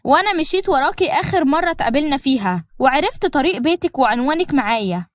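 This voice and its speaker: A woman's voice: sits high, lively intonation, fast talker, dry recording, studio quality. A woman voicing a manipulative young man with an Egyptian accent, who sweet-talks and then threatens. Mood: threatening. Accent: Egyptian Arabic. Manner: smooth pleading turning to sneering threats.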